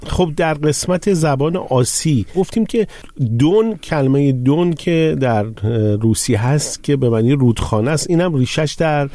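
A man's voice: on the high side, expressive, hardly any pauses, warm tone. A man hosting a casual talk, asking short questions and agreeing often. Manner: brief agreeing interjections and questions. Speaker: host. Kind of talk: conversational podcast chat.

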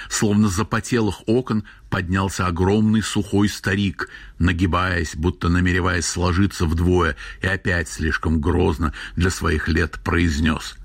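A man narrating literary prose in a measured, even manner. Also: deep voice, dry recording.

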